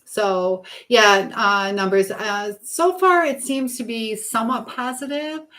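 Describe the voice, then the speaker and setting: Cooking in her kitchen at home, an American livestream host reads viewer comments aloud and answers them in casual chat. She speaks slowly in a slightly high voice that sounds pushed and bright.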